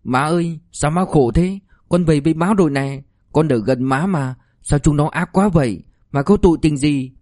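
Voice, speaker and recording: A man's voice: on the high side, normal speed, few pauses, darkish tone, no echo, clean studio sound, voice pushed up, lightly acted. A man voicing a crying young man grieving his dead mother in a story reading. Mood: sobbing grief.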